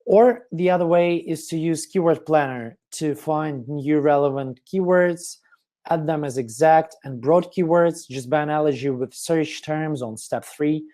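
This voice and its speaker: Man presenting a webinar, voice going hoarse. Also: on the high side, unhurried, dark tone. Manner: explanatory, step-by-step, with frequent fillers and throat clearing. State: voice getting hoarse. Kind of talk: online conference presentation.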